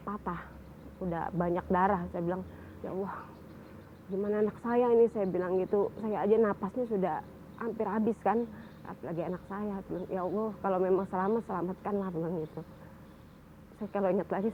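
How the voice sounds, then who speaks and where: A young adult woman recounting her own tsunami survival in a halting way, with frequent restarts and repeated words. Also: medium pitch. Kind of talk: personal testimony. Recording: phone-like band, faint noise.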